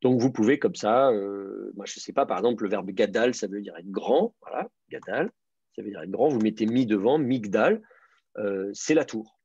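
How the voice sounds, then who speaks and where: A man teaching, his voice low and husky, stopping often to hesitate and repeat himself as he explains step by step. The recording is close and dry, with slightly dull, lo-fi sound. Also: animated, normal speed, darkish tone, dry recording. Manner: hesitant, many fillers and repeated words, patient explaining. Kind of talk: explanatory online class lecture.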